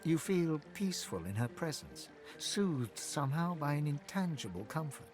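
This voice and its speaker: A man playing a solemn fantasy game narrator, reading scripted narration in a poetic, measured storytelling manner. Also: on the high side, very animated, darkish tone, faint music behind.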